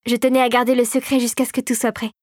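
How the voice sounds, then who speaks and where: An eager young girl queen full of plans, as a woman reads her. She speaks high and bright in a storybook reading, with a dry, close sound. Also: level tone, quick pace, no room sound, natural voice.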